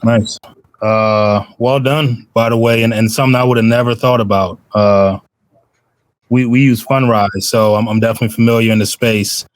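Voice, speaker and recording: Medium-pitched man asking casual judge's questions. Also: fairly even intonation, moderate pace, no room sound.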